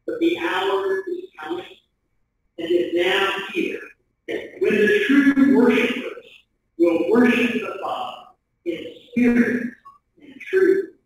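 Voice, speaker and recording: A middle-aged man, a priest, reading the gospel and preaching in a measured, deliberate way from a lectern in a church sanctuary. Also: extremely high pitch, noisy background. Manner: measured, deliberate delivery from a pulpit. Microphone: stand mic, camera from across the room. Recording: echoey church from far off.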